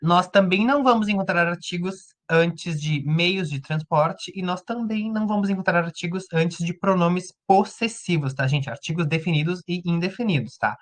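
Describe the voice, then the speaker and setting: A man's voice: high-pitched, moderate pace, hardly any pauses. A man with a Brazilian Portuguese accent teaching Spanish grammar in an online lesson, explaining step by step and often checking in with the students.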